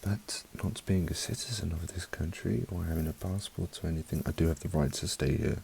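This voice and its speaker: A South African man with a mixed British accent gives a soft-spoken, half-whispered ASMR album review close to the mic, unhurried and sprinkled with wry asides. His voice is low with vocal fry, and there's slight background noise.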